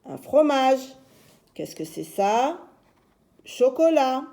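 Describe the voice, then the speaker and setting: A woman teacher giving a slow, patient reading lesson to young children, sounding out each syllable. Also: high voice, very animated, dark tone.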